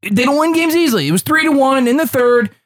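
A young man, out of breath and sweating, talking excitedly about hockey, swearing and stumbling over his words. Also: extremely high pitch, fast. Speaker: podcast co-host. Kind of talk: casual sports chat.

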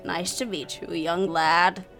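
A woman's voice: fairly low pitch, little pitch movement, slow, fairly bright tone, faint music behind. A woman voicing an old male shopkeeper who drawls folksy and teasing. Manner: drawling, chuckling old-man put-on.

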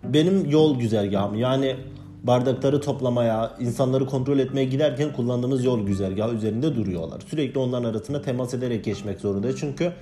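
A man's voice: medium pitch, a little fast, soft background music. Indignant man recounting a bad night. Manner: agitated, indignant retelling with quoted shouts. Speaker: bar floor staff telling a story. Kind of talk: casual storytelling vlog.

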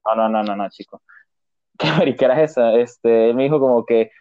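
A man's voice: mid-range voice, normal speed. A young man from Táchira with an Andean Venezuelan accent, telling crude stories in casual banter and acting out the dialogue. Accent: Venezuelan Andean (gocho). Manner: animated storyteller acting out dialogue. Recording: slightly dull lo-fi audio.

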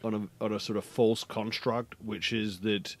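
A man's voice: lowish voice, level tone, moderate pace. A middle-aged man, a podcast guest, talking in a thoughtful, reflective way and telling family stories. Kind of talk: podcast interview conversation.

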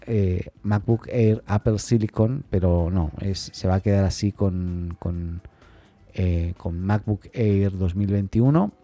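A man hosts a tech news podcast by himself, thinking aloud in an informal, halting way and often tacking on little questioning tags. His voice is low-pitched and mellow, and the recording is dry.

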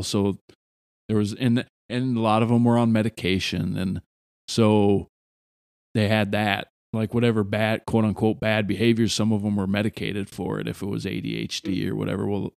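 A man who hosts a podcast and used to teach, talking in a loud, direct and sarcastic way. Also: on the low side, flat delivery, moderate pace, gravelly, dry recording, studio quality. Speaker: podcast host, former teacher. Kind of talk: casual conversation.

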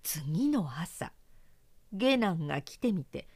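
Expressive woman reading a children's story. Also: fairly low pitch, takes it slowly, dry recording. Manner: expressive, clearly articulated. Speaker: narrator.

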